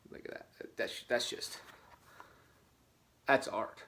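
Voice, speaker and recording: Reading slowly in a fairly bright tone, this man gives a dramatic rendition of a children's book, interrupting himself with dry, tongue-in-cheek commentary. There is slight background noise.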